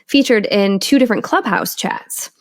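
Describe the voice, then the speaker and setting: A woman's voice: a little high, expressive, moderate pace, dry recording, studio quality. A woman with a Michigan accent hosting a podcast from a small closet at home, chatting in a friendly, upbeat way on a video call. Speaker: podcast host. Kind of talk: casual podcast interview.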